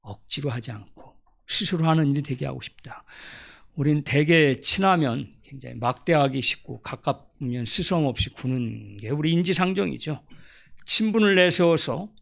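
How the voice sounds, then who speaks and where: A middle-aged pastor from Gyeonggi Province, South Korea, delivers a Sunday sermon full of folksy, humorous stories, acting out quotes in dialect. His voice sits at a medium pitch with noticeable vocal fry.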